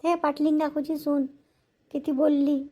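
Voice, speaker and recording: Woman playing a touchy, high-voiced village housemaid. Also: little pitch movement, close to an everyday voice, rough recording. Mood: aggrieved. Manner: sharp, quick to snap, aggrieved. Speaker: actor in a village family drama. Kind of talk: village comedy-drama acting.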